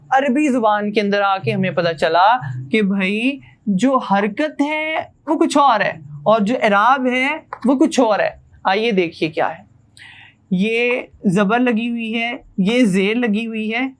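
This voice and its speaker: A young man with a high voice teaches a grammar lesson in a patient classroom manner. He keeps asking his listeners rhetorical questions as he explains each point. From Pakistan. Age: young adult. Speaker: student teacher.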